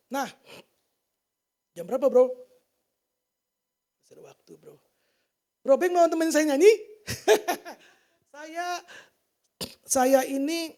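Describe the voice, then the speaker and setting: A man giving an informal sermon testimony to a church congregation, talking in a colloquial, animated way and asking the listeners many rhetorical questions. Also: very high voice. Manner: colloquial, slangy delivery. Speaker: church preacher.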